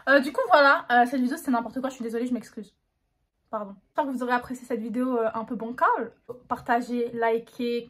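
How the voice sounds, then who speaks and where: A woman's voice: fairly high pitch, a little hiss or hum. A young woman chatting casually through a makeup tutorial, slangy and self-mocking. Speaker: beauty vlogger.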